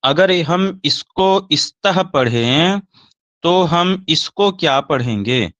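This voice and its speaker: A man teaching Sanskrit grammar, slowly reciting verb forms in a recorded lesson, with a Hindi accent. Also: a little high, expressive, a bit bright, dry recording, lo-fi sound.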